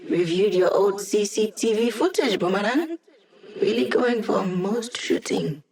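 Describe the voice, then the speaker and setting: A woman's voice: medium pitch, expressive, a little slow, darkish tone, roomy sound, distant mic. A woman voicing a cocky, playful young female hacker in a video game, with a wry, teasing, self-assured delivery. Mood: wry, businesslike. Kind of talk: video game character voice lines.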